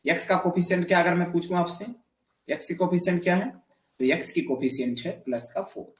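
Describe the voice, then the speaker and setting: A man's voice: high-pitched, fairly quick. Hindi-speaking man teaching math, echoey room. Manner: asks questions and answers them himself. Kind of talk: classroom lecture.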